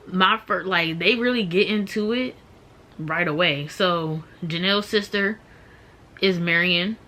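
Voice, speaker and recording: A young woman chats casually through a book review, her voice sitting a little low. She talks loosely, with plenty of "um" and "like" fillers. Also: a little slow, pushed and bright. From Maryland, USA. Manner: chatty, many "um" and "like" fillers.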